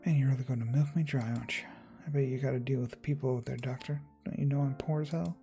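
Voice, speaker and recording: A man's voice: mid-range voice, steady tone, fast talker, gravelly, mellow, soft background music, lightly acted. Man reading as a sardonic young patient. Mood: wry. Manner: wry, sardonic.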